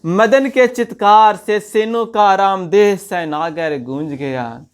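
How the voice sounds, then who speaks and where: A man's voice: sits high, takes it slowly, smooth. A man, teaching as a teacher. He reads a story passage, then retells it in local dialect and asks the listener questions. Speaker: Hindi teacher. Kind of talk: explaining a textbook story line by line.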